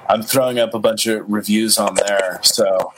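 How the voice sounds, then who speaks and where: A man's voice: on the low side, fairly even intonation, moderate pace, noisy background. A man hosting a podcast in casual chat, rambling with lots of fillers. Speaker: podcast host.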